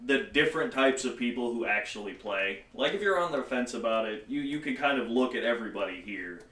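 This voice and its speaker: A man in casual group chat, reflective and halting, swearing casually. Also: mid-range voice, lively intonation, bright, forceful tone, recorded from a distance. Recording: roomy, off-mic.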